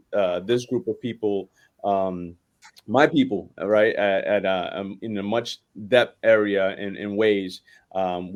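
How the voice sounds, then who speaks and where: A man in his forties from Puerto Rico, a pastor, introducing himself in a halting way with many fillers and restarts. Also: lowish voice, darkish tone. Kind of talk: casual guest introduction.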